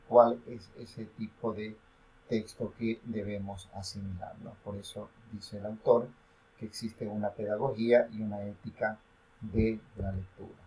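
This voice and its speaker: A man's voice: fairly low pitch, warm tone, low-quality recording. A male university lecturer explaining reading and intonation, with frequent fillers and self-corrections. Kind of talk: recorded academic lecture.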